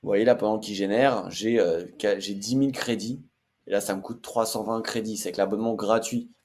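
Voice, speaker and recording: A man's voice: on the low side, steady tone, brisk, a little mellow, husky. A man hosting a casual screen-share tutorial, chatty and hesitant with frequent fillers. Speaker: tech tutorial host.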